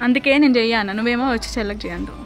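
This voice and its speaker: A woman's voice: fairly high pitch, very fast. Chatty mother coaxing her son. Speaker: mother vlogging a family outing. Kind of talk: casual family vlog. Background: background music.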